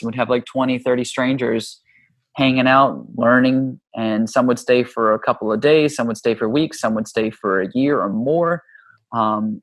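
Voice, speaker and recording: Low, flat-voiced man with a gravelly edge. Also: no room sound. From Hawaii. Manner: easygoing, many ums, unhurried. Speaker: podcast guest, yoga teacher and author. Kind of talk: relaxed conversational storytelling.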